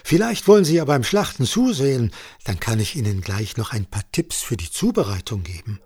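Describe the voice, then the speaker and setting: A man's voice: mid-range voice, very animated, a little fast, darkish tone, husky. A man voicing a jovial, mischievous farmer in a spoken story. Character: good-humored roguish male farmer.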